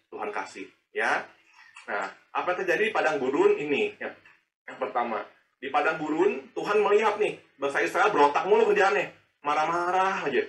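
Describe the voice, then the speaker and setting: A man, preaching a sermon in a lively, chatty way full of rhetorical questions. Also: mid-range voice. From Indonesia. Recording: echoey and distant.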